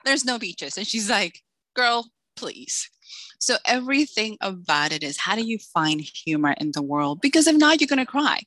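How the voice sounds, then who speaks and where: During a casual interview chat, a guest author from the Dominican Republic livens things up with jokes and by acting out the voices of the people in her stories. She speaks in a mid-range voice at a moderate pace, with no room sound.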